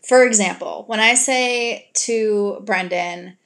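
A woman who grew up in a Greek family gives her audience relationship advice in an earnest, gentle coaching style, occasionally acting out sweet example lines to a partner. Her pitch is medium and she speaks slowly.

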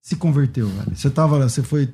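A man hosting an interview, asking quick, informal questions. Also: medium pitch, warm tone, husky. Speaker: host.

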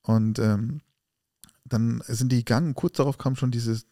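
A man co-hosting a casual podcast, retelling events in an animated way and acting out the quoted dialogue. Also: medium pitch, normal speed, dry recording, studio quality. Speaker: podcast co-host. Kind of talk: casual conversation and storytelling.

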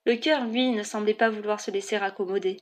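A woman narrating a novel as an audiobook in a clear, even storytelling delivery. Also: medium pitch, fairly quick, slight background noise.

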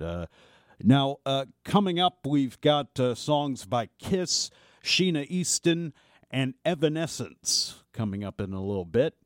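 A man working as a radio DJ, casually announcing songs in a halting, rambling way. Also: medium pitch, a little mellow, dry recording, studio quality. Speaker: radio music DJ. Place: radio studio.

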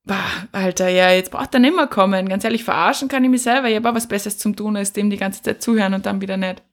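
A woman's voice: medium pitch, fast talker, close to an everyday voice. Woman doing a grumpy, swearing God. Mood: irritated. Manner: grumbling, swearing. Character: grumpy irritated male God on his throne.

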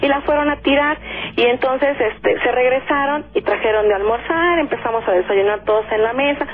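A woman with a Mexican Spanish accent calls in to a radio show to share a spooky family tale, lively and animated as she acts out her parents' lines and often fills pauses with "este." Her slightly high voice comes over a narrow, tinny phone line.

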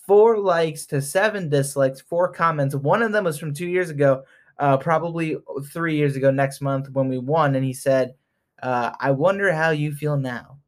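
A young man in his early twenties talks in a casual, chatty way as a sports fan vlogger. His voice sits a bit high for a man. He laughs easily and pokes fun at himself. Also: moderate pace. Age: 20s.

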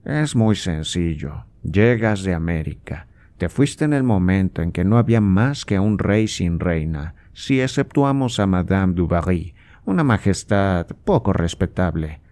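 A man's voice: low voice, expressive, unhurried, a little mellow. A man doing a scornful old nobleman father. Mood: coaxing. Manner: sarcastic, scolding. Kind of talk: audiobook character voice.

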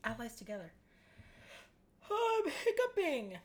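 Brief: playful woman podcast co-host, slightly high and very lively. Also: measured pace, crowd noise. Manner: bubbly, playful, giggly. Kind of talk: casual chat.

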